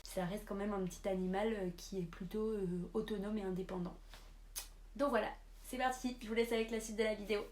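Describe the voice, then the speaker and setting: A woman's voice: medium pitch, steady tone, a little fast. A young woman making a casual vlog tutorial, chatting with lots of hesitant fillers. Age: young adult. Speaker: pet vlogger.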